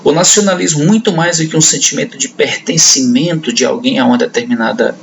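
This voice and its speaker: A man's voice: fairly high pitch, a little fast, vocal fry, slight background noise, poor audio. A man giving a history lecture to students, talking conversationally and checking in with his class often. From northeastern Brazil. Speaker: history teacher.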